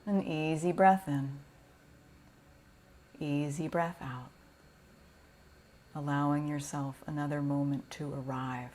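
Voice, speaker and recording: A low, steady-toned woman guides a yoga nidra meditation, soft and calming and in no hurry, pausing as she goes. A faint hiss or hum sits in the recording.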